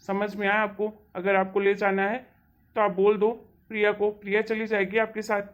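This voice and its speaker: A woman's voice: mid-range voice, monotone, moderate pace, lightly acted. A woman voicing a rude, stubborn grown son who snaps at his mother in a cartoon story. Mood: irritated. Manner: irritated, dismissive. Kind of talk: cartoon voice acting. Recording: dull lo-fi sound with faint music.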